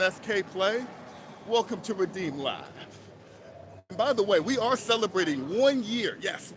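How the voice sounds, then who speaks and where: High-voiced man streaming over loud traffic. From United States. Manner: animated, slangy, swings between loud outbursts and low mutters. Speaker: live stream host. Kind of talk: casual live stream chat, reading out viewer comments. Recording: loud outdoor street and traffic noise.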